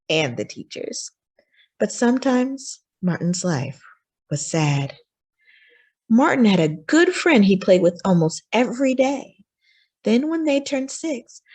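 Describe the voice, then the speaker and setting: For young listeners, a woman reads a picture book aloud as a story time host, expressive and deliberate. Her voice sits on the high side and is slightly rough.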